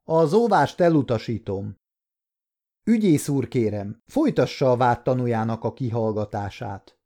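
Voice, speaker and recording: A man's voice: medium pitch, lively intonation, warm tone. A man voicing a firm, dryly humorous male judge presiding over a trial in an audiobook story. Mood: stern. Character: stern but dry-witted male judge.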